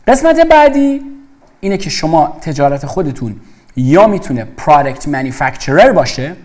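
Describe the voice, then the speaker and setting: Animated man teaching vocabulary. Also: fairly high pitch. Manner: animated, emphatic, repeats words to drill pronunciation. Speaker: English teacher. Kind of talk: explanatory lesson.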